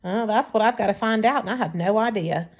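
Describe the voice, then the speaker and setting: Invisible teen boy, nervous and secretive, rushes his explanations; audiobook part read by a woman in her own voice. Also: medium pitch, lo-fi sound, natural voice. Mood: anxious.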